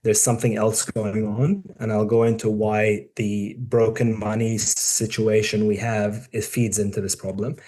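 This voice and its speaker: Low-voiced man giving a relaxed talk. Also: measured pace, few pauses. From born in the UK, raised in Dubai and New Zealand. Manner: relaxed and conversational, frequent ums and restarts. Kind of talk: casual presentation to peers.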